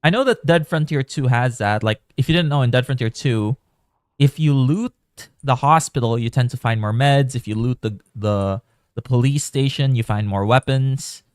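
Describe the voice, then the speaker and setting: A man's voice: mid-range voice, moderate pace, smooth, no room sound, studio quality. A man from the Philippines giving casual, rambling commentary while live-streaming a game. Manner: chatty, rambling, thinking aloud.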